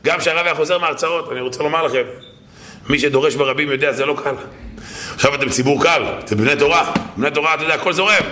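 A man's voice: fairly high pitch, pushed and bright, echoey room, slight background noise. A man giving a storytelling sermon to a congregation, acting out the people in his stories with shifting voices and exclamations. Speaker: rabbi giving a Torah talk.

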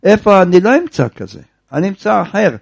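A man's voice: high-pitched, big pitch swings, gravelly, husky, heavily acted. A man voicing a distraught old man who pleads at length in a folk tale. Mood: pleading. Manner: wailing, then pleading at length. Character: distraught old man mourning his broken jug.

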